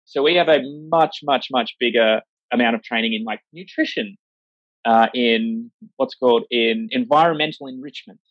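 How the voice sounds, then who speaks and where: A man's voice: medium pitch, normal speed, no echo. A man talks casually as an interview guest about life as a vet. He rambles with many fillers and acts out the voices of people he quotes. The recording is dry and a little dull. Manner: acts out voices when quoting.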